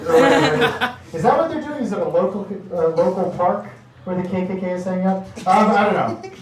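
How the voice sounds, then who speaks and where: A man's voice: high voice, brisk. Nervous, rambling, profane male comedian. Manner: rambling, profane, filler-heavy. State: nervous and sweaty. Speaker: stand-up comedian. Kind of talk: stand-up set. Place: small comedy bar room. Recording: echoey club room from far off. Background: audience noise and laughter.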